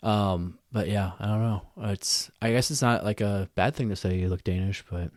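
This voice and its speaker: A man's voice: lowish voice, moderate pace, a little mellow, no room sound, clean studio sound. A man co-hosting a podcast, chatting casually and rambling with lots of fillers. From United States. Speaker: podcast co-host. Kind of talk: casual chat.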